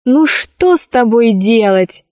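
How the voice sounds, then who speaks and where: Woman voicing a sensible girl, reproachful, level-headed, fairly high voice, storybook reading. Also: lively intonation, slow, a little mellow, no echo, studio quality.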